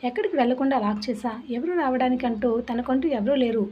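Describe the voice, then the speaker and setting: A woman's voice: high voice, breathy edge. Woman voicing an arrogant young husband. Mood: defiant. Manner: slow, calm and unyielding. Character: proud, arrogant young husband, calm and defiant. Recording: muffled lo-fi with faint hiss.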